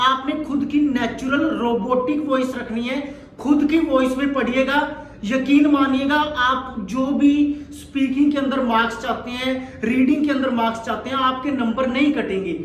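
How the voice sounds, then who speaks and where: High-voiced man coaching in an echoey room. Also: fairly bright tone, a little hiss or hum. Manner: direct, instructive, repeats points. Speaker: exam coach. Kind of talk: instructional video lesson. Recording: echoey room with faint ambience.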